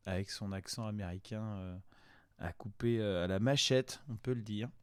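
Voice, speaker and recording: A man's voice: fairly low pitch, normal speed, smooth, no room sound. Sarcastic man, dry close sound. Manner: sarcastic, exasperated, crude. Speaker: host reacting to videos. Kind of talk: casual mocking live commentary.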